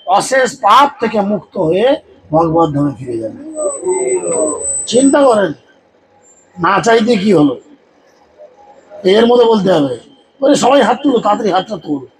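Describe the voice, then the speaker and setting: A man preaching a devotional sermon to a gathering, exhorting and joking with his listeners and leading them in loud chants. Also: very high-pitched, slight background noise, poor audio. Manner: exhorting, humorous, leads crowd in loud chants.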